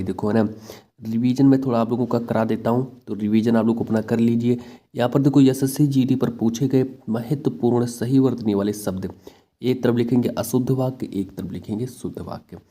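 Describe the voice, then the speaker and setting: A man's voice: mid-range voice, steady tone, brisk, mellow. A young man teaching an online exam-prep class, going over correct spellings again and again and calling students "brother". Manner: repetitive, addresses students as brother, lots of tag questions.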